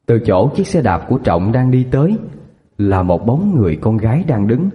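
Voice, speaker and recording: A man with a Southern Vietnamese accent narrating a scripted horror story in a steady manner. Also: on the low side, muffled recording. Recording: long reverb with faint music.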